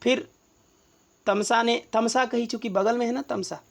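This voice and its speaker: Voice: mid-range voice, steady tone, measured pace, vocal fry. A Sanskrit teacher giving a classroom-style lesson, reciting grammar rules and verse, then repeating and glossing each word patiently. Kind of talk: classroom-style text explanation.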